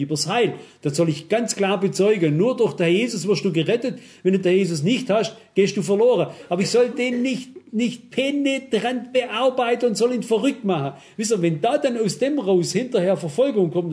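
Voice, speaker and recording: A man with a high-pitched voice delivers a sermon to a congregation. He reasons carefully through examples and reads Bible passages aloud. He keeps turning to his listeners with "wisst ihr?". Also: animated, a little mellow. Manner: measured, cautious reasoning with examples. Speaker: preacher.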